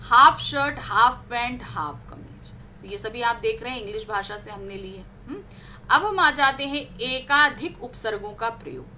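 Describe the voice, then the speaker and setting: A woman teaching grammar, reading out word examples slowly with stress and asking her class questions she answers herself. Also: a little high, expressive, sharp tone, a little hiss or hum.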